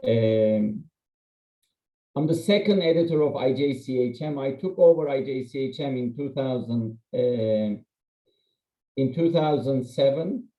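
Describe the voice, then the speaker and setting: A Turkish journal editor, a non-native English speaker whose first language is Turkish, presents an academic webinar in a candid, self-deprecating, conversational style with frequent fillers. His medium-pitched voice is mellow and measured. Captured by a computer mic on a video call, the audio is echoey and slightly muffled.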